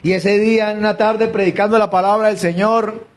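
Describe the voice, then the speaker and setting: A man's voice: sits high, fairly even intonation, fairly quick. A man preaching a sermon, telling a story with earnest repetition and fervent quoted prayers. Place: church sanctuary.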